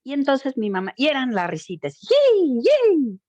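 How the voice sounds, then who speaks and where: A woman's voice: on the high side, lively intonation, brisk, no room sound. A woman giving an informal school talk on gender violence, speaking expressively and addressing the audience directly. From Mexico.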